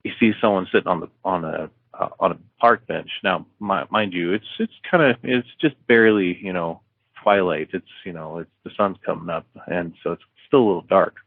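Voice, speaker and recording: A man's voice: sits low, brisk, gravelly, dry recording. A man, an author guest on a podcast interview, retelling a story in a rambling way with many fillers and restarts. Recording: tinny phone-like line, dry.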